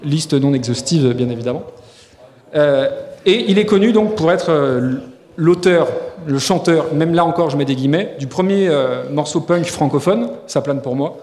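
A man's voice: a little high, moderate pace, darkish tone. A man co-hosting a live podcast on stage, joking and rambling with lots of fillers and restarts. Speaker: podcast co-host. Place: live festival stage before an audience. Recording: echoey hall with long reverb.

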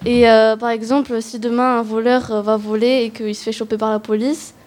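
A woman's voice: a little high, flat delivery, a little fast, darkish tone. A woman guest on a radio discussion giving her view earnestly, with restarts and fillers.

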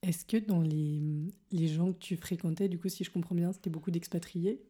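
Female interviewer, warm low tone, long curious follow-up questions. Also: fairly even intonation, normal speed, husky. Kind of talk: interview conversation.

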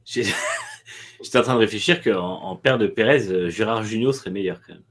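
A man's voice: on the low side, fairly quick. A man co-hosting a podcast, chatting casually and tossing in wry jokes. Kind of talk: casual chat.

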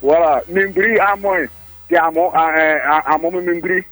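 A man phones in to a radio show, and his voice reaches the studio over the line. He sounds hesitant and explains things word by word, with a high voice and music clearly playing behind. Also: fairly even intonation, a little slow, poor audio. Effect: phone-in caller voice over the studio line. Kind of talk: casual phone-in chat.

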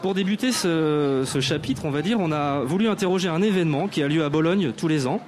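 On an outdoor stage at an arts venue, before an audience, a man hosts a live radio broadcast, presenting guests in a formal, mock-grand style full of hesitations. His voice is a touch high and fairly quick, with slight background noise.

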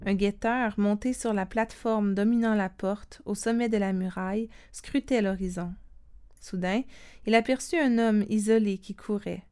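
A woman giving a calm, steady scripted reading of a Bible story, voicing the quoted lines in the same plain tone. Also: medium pitch, normal speed, clean tone.

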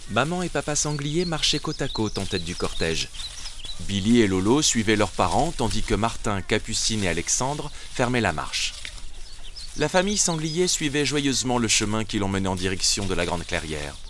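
A man narrating a children's storybook in a gentle, expressive way. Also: on the low side, moderate pace, background noise.

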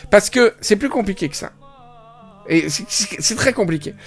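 A man hosting a podcast, chatting casually and telling an animated story, imitating how place names are pronounced. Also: high-pitched, normal speed, faint music behind. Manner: animated storytelling, mimics pronunciations. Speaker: podcast host. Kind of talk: casual chat.

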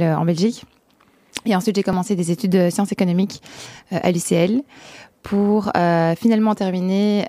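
A young woman speaking softly as a guest in a radio interview, with frequent fillers. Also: on the low side, no room sound. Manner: soft, quiet voice. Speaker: guest, company founder.

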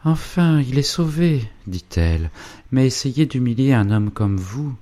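A man voicing a gentle, pleading young girl in a read-aloud novel. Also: mid-range voice, animated, measured pace, pitched above the performer's own voice, lightly acted. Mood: agitated.

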